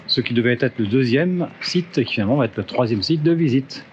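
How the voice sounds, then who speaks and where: Man from France, travel vlogger, loose rambling delivery with fillers, handheld camera outdoors, loud street ambience. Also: medium pitch, lively intonation, brisk. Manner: chatty, thinks aloud with many fillers and restarts. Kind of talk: casual travel vlog narration. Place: outdoors in town streets and on a bridge. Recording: muffled with loud outdoor noise. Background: outdoor ambience and wind.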